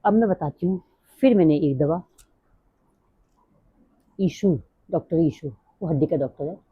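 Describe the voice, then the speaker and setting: A middle-aged woman talking fast and rambling in a casual personal vlog. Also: sits low, husky, dry recording. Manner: rambling, drifts off topic. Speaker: vlogger. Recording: dry, tinny phone-like sound.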